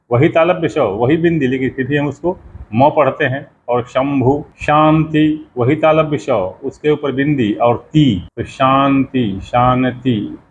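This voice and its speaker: A man's voice: on the high side, a little mellow, highs cut off, slight background noise. Hindi-speaking man teaching mantra pronunciation. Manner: patient, repeats words slowly to demonstrate sounds. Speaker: astrology teacher. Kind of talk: explanatory talk on mantra pronunciation.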